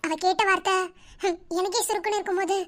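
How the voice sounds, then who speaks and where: A woman's voice: very high voice, fairly even intonation, quick pace. A woman voicing a loyal young woman comforting her friend in a cartoon, with a Madurai Tamil accent. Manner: coaxing, scolding gently. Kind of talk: cartoon voice acting.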